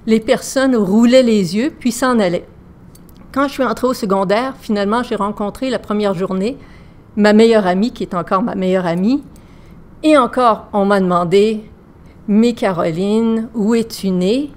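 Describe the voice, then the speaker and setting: A woman's voice: mid-range voice, normal speed. A woman teacher with a Québécois accent, telling self-deprecating, humorous anecdotes in a casual podcast.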